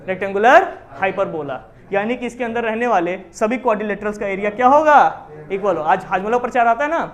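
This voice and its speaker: A man teaching a commerce class, explaining with lively questions to his students. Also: sits high, brisk, lo-fi sound. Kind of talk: classroom lecture in Hindi with English terms.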